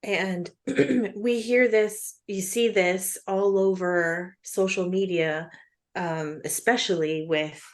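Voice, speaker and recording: Chatty lady cohost, talks slow, kinda low voice, laughs a lot. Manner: laughs often, chatty with fillers. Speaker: podcast co-host. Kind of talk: casual chat.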